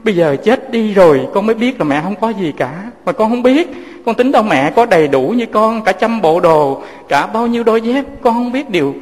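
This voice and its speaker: A man's voice: high voice, animated, brisk, in a large hall. A man voicing a grieving grown daughter who sobs with remorse at her mother's altar. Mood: remorseful. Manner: sobbing, remorseful.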